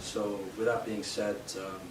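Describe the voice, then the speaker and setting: A young man from Canada giving a live poetry reading in a bookshop, hesitant with fillers between poems and steady in his verse. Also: lowish voice, unhurried. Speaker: poet. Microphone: distant from the mic. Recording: roomy, distant, noisy live room sound.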